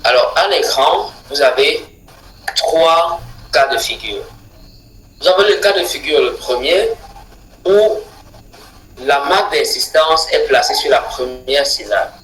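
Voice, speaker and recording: Man, bright tone, slow deliberate teacher delivery. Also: fairly high pitch, expressive, roomy sound, rough recording. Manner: deliberate, repeats English words slowly with stress. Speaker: English pronunciation teacher. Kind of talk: slow spoken lesson.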